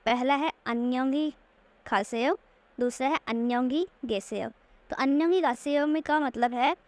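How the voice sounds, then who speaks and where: A woman teaches a language lesson over slides, with a high, bright-sitting voice. She explains patiently and says each word slowly, often twice, so it can be copied. The recording is close and dry, with no room sound. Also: no echo. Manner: patient, repeats words slowly to model pronunciation.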